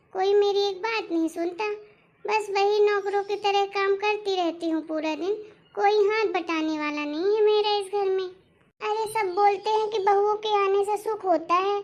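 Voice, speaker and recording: Lady doing a high squeaky cartoon mother-in-law, fed up and griping about her family. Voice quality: complaining, dramatic sighs. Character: nagging middle-aged mother-in-law, fed up. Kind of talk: cartoon voice acting.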